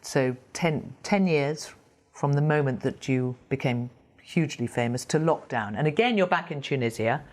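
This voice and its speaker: A woman's voice: extremely low pitch, normal speed, darkish tone. A woman interviewer putting direct, probing questions to her guest in a broadcast interview.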